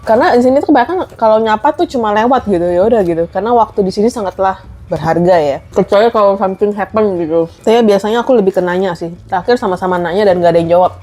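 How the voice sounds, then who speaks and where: Female co-host from Indonesia, warm low tone, quick casual talk, laughs easily. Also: soft background music. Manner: lively, laughs often, mixes in English phrases. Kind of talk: casual chat over a meal.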